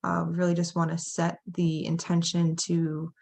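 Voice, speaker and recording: Friendly woman hosting a livestream, lowish voice. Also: monotone, moderate pace, vocal fry, a little mellow. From United States. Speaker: astrologer host.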